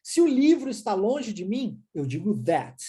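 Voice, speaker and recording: A man's voice: high-pitched, slightly rough. A man from Brazil with a Brazilian Portuguese accent, teaching English in an encouraging way and checking in often with his students. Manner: lively, encouraging, explains slowly with many check-ins. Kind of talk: recorded language lesson.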